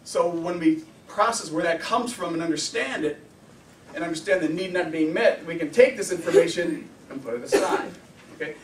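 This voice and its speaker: A man teaching an informal anger management class, talking in a lively, conversational way and acting out the voices of the people he quotes. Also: high voice, a little hiss or hum. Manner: animated, conversational, acts out quotes. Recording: echoey room, voice from a distance.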